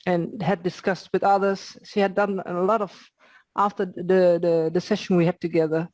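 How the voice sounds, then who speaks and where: A woman's voice: fairly low pitch, level tone, normal speed, darkish tone, no room sound. Friendly woman on a dry video call. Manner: friendly, with fillers. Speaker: session participant. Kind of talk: casual story on a video call. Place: home.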